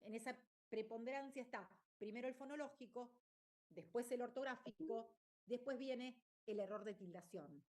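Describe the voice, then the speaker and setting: A woman's voice: on the high side, normal speed, darkish tone. A woman teacher, explaining a lesson and often checking in with her listeners. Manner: explanatory, checks in with "¿está bien?". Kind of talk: online lecture.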